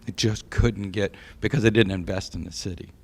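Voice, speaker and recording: Very deep gravelly man advising. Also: darkish tone. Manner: measured, advisory, with fillers. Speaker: presenter advising a city. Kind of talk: public presentation with recommendations.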